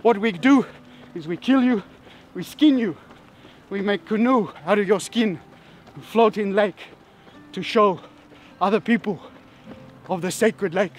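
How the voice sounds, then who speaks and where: Guy doing a stern chief in a joke, slow broken commanding speech, pitched up a bit.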